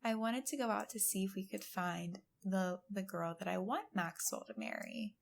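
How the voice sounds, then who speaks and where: A woman's voice: mid-range voice, moderate pace, creaky. A woman hosting a let's-play, giving chatty, giggly gameplay commentary and laughing often. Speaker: gaming channel host.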